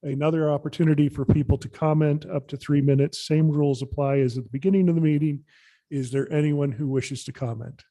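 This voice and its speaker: Guy running a city council meeting, mellow voice, steady and procedural. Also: a little high, fairly quick. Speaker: meeting chair.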